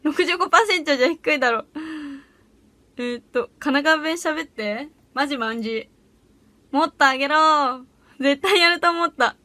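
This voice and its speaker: A woman's voice: high voice, moderate pace, pushed and bright, no room sound. A teenage girl chatting casually on a solo livestream from a small room at home, bubbly and giggly as she reacts to viewer comments. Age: teens. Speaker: audition livestreamer.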